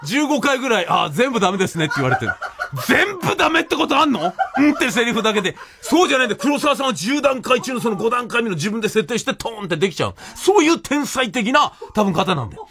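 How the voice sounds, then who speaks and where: A man telling a comic anecdote in an animated way, laughing as he goes and acting out what people said. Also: very high voice, fast talker. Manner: animated, laughs while telling, acts out quoted voices. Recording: noisy recording.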